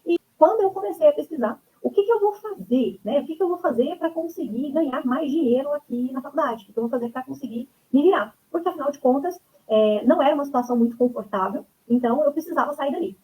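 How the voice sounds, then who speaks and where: A woman's voice: sits high, lively intonation, fast, few pauses, mellow, low-quality recording. A woman in her thirties with a Brazilian accent, presenting her online course as a chatty instructor who keeps checking in with her listeners. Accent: Brazilian Portuguese. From Brazil (Goiânia). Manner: chatty, leans on tags like "né?" and "tá?". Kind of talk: webinar presentation.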